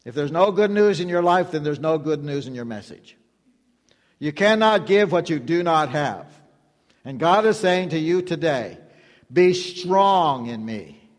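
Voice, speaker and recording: Male preacher, higher-pitched voice, emphatic repetitive delivery with call-and-response, long hall echo. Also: animated, moderate pace. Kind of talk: sermon.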